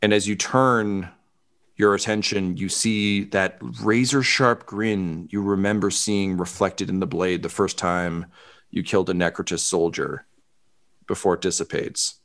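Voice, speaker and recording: A man narrating as game master of a tabletop game, relaxed, with lots of fillers and swearing. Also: deep voice, unhurried.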